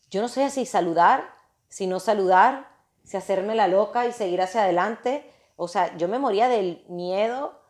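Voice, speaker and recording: A woman casually telling a personal story to her listeners, animated and often restarting and repeating her phrases. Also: fairly low pitch.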